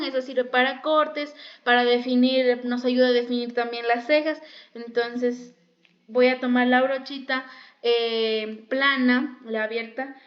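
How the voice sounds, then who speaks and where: A woman teaching a makeup class, explaining step by step and often repeating herself. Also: high-pitched. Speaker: makeup instructor. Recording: dull lo-fi sound.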